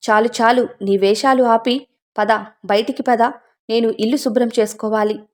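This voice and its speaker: A woman's voice: a little high, steady tone, moderate pace, close to an everyday voice. A woman doing a harsh scolding employer. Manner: curt and scolding.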